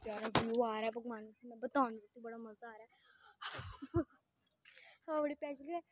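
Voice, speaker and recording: A young woman with a slight lisp, gushing excitedly to her phone while vlogging from a rooftop terrace at sunset. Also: fairly high pitch, very fast, slight background noise. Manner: gushing, excited, mixes in English words. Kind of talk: casual vlog chat. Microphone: handheld phone.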